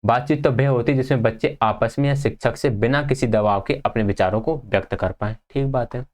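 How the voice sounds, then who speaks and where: A man's voice: mid-range voice, brisk, a little mellow. A young man teaching an exam-prep lecture, reading notes aloud and then explaining them in a casual way.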